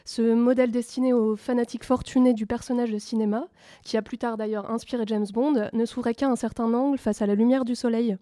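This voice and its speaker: A woman expert gives precise, detailed explanations in a fairly high, warm voice. The sound is dry and close. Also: steady tone, fairly quick, no room sound. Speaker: expert guest. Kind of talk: mock-documentary exposition.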